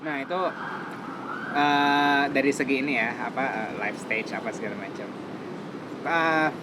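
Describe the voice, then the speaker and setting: A man's voice: medium pitch, steady tone, measured pace, background noise. A man hosting a casual interview, playful and teasing, with many fillers. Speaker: interviewer host.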